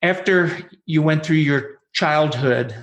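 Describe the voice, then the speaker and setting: A man hosts a casual podcast interview. He speaks in an agreeable way. He hesitates and fills pauses as he goes. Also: a little high, music in the background. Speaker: podcast host.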